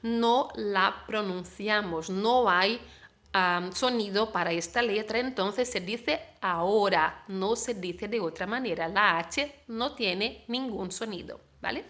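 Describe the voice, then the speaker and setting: A woman's voice: medium pitch, takes it slowly, fairly bright tone. A woman teaching a language lesson, explaining words patiently and checking in with the class. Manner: patient, explanatory, checks understanding with frequent questions. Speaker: Spanish teacher.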